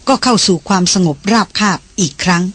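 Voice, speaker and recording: An audiobook narrator reading a novel in a measured, unhurried way, with a husky voice. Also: a bit bright, dry recording. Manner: measured and unhurried, with drawn-out phrases.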